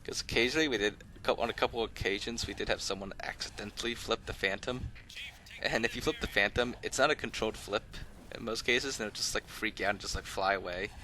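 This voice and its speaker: A gaming channel host explains gameplay in a tutorial, speaking fast in a fairly low yet bright and forward voice. The delivery is rambling, easygoing, and unscripted, and the recording is rough, with light noise in the background.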